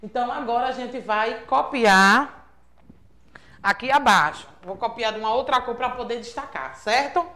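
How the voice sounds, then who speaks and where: A Brazilian primary school teacher with a Sergipe accent teaches young children remotely, prompting them patiently in a sing-song way and checking in often with things like "certo?". Her fairly high voice is expressive and sharp, at a moderate pace, in an echoey room.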